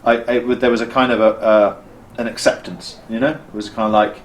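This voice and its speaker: A British filmmaker, appearing as an interview guest, tells a vivid story in a costume shop, acting out what people said and frequently restarting his sentences. His voice is on the low side with a level tone, and he talks fairly quickly over a rough recording.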